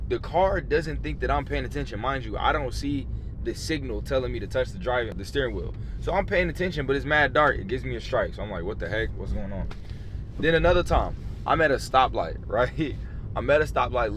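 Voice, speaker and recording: A man's voice: mid-range voice, fairly quick, fairly bright tone, slight background noise. A young man casually vlogging to camera in a laid-back, slangy way. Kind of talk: casual vlog talk to camera. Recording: background music throughout.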